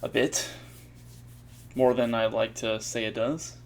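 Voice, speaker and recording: A man thinking aloud while he codes, halting and correcting himself, with many fillers. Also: medium pitch, little pitch movement, a little hiss or hum. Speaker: programmer streaming his coding practice. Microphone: earbuds mic.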